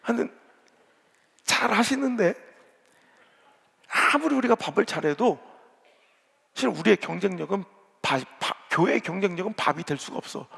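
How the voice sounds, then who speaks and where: A man's voice: sits high, lively intonation, moderate pace, creaky, long pauses, a bit bright, slightly rough. A male senior pastor preaching a revival sermon in a blunt, joking, colloquial way. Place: large church sanctuary. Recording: long reverb of a big church hall.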